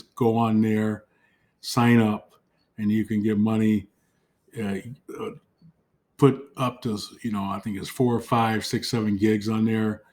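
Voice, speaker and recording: A man with a lowish, fairly flat voice walks viewers through a casual online tutorial, and his voice is wearing thin. He talks to the audience directly, with plenty of ums and restarts. He sounds like a credit coach sharing tips. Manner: loose, filler-heavy, talks straight to viewers. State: losing his voice.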